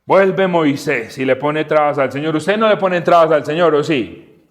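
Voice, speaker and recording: Male preacher, conversational Bible teaching, lively and questioning, slightly raised pitch. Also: normal speed. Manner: animated, asks the audience questions, acts out dialogue. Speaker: preacher and podcast host.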